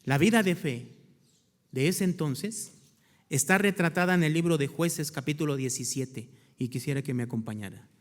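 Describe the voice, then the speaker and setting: A man's voice: fairly high pitch, moderate pace. A male pastor preaching a sermon, reading scripture aloud and asking his congregation questions he then answers himself. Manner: reads scripture aloud between explanations. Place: church. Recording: hall reverb from a church.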